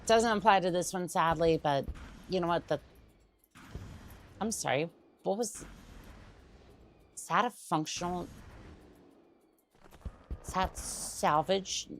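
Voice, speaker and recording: Chill low-voiced woman streaming a game, talks slow, faint hum behind her. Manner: rambling, restarts sentences. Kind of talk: casual gaming stream chat.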